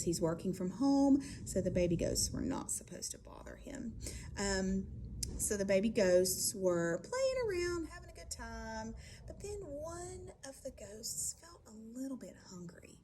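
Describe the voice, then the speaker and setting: A woman tells a silly story to children in an animated way, often sinking into a whisper. Her fairly high voice swings widely in pitch. Background noise can be heard. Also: a little slow.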